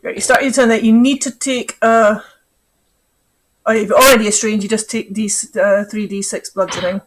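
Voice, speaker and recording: A woman's voice: mid-range voice, steady tone, moderate pace, rough recording. A woman narrating as game master of a tabletop game, chatty and thinking aloud as she goes.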